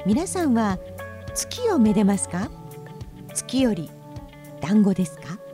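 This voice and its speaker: Expressive woman reading a children's story. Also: medium pitch, slow, soft background music. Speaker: host and narrator.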